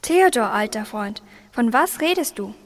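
A woman's voice: on the high side, animated, measured pace, no room sound. A teenage girl voicing a naive young farm boy in a school radio play. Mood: curious. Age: teens.

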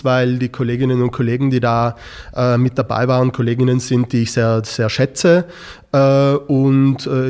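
Smooth and mid-range, with a darkish tone, this South Tyrolean teacher's voice comes through as he responds to interview questions for a school project. He pauses to think, hesitates, and fills the gaps with plenty of filler sounds.

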